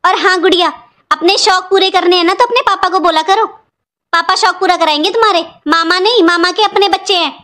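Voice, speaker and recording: A woman playing a sharp-tongued maternal aunt who scolds her niece in a family drama. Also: very high-pitched, a little fast. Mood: scolding. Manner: scolding, taunting.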